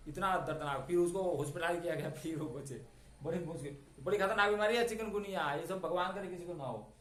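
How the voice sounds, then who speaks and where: A middle-aged man teaching an English vocabulary lesson in a chatty, digressive way, stretching out key words slowly. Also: high voice, fairly bright tone. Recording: echoey room.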